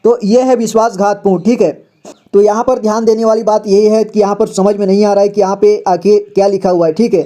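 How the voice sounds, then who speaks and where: A man teaching reading in a slow, patient lesson, spelling each word out and repeating it several times. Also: high voice, level tone, warm tone. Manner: patient, repeats each word slowly and often says "ठीक है".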